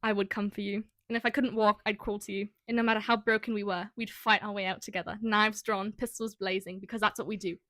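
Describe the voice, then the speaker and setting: A young woman reading the lines of a brooding young male gang leader in a put-on British accent, measured and earnest. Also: medium pitch, level tone, fairly bright tone, no echo, lightly acted. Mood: intense.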